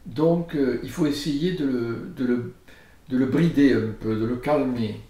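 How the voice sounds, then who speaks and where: An older archaeologist with a southern French accent speaks thoughtfully in a filmed interview, gesturing and hesitating as he pauses. His medium-pitched voice has a dark tone, and the book-lined indoor study gives the recording a roomy sound.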